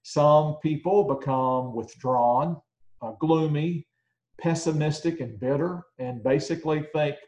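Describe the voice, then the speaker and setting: A man's voice: fairly high pitch, a little slow, a little mellow. Man in his 60s, preacher, plain conversational sermon, roomy echo. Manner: conversational, with frequent uh fillers.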